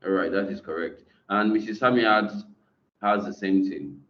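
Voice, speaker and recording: An instructor teaches an online class, speaking hesitantly with many fillers in a low voice at normal speed. It's screen-recorded video-call audio from a computer mic, sounding dull and echoey.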